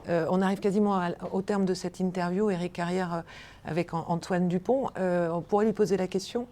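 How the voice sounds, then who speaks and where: A woman hosting a radio interview, asking long questions with many pauses and restarts. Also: fairly low pitch, steady tone, mellow. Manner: halting, many fillers and restarts. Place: radio studio.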